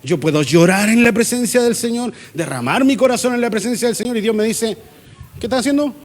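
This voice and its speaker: In a church, a Chilean pastor delivers a sermon to his congregation in a fairly high, animated, brisk voice. He keeps things conversational, acting out short exchanges and slipping in light jokes.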